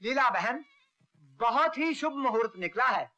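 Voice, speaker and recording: एक अभिनेता पुरानी हिंदी फ़िल्म में एक गंभीर, अड़ियल पंडित का किरदार निभा रहा है।. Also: male voice, very high-pitched, lively intonation, measured pace, pushed and bright, muffled recording, exaggerated voice. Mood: solemn. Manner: ceremonious. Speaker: priest. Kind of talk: 1970s Hindi film dialogue.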